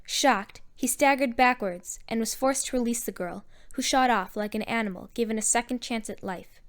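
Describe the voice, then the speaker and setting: A woman narrating a story in a measured storytelling manner. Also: on the high side. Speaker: audiobook narrator.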